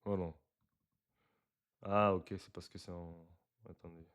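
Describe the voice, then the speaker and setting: A young man giving casual live reaction commentary to basketball footage, slangy and chatty, breaking into loud excited exclamations. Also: low-pitched, unhurried, clean tone.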